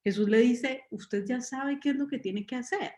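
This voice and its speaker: A woman's voice: a little high, moderate pace, mellow. A woman preacher giving a conversational sermon to a live congregation, asking her listeners rhetorical questions and drawing on everyday examples. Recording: roomy echo.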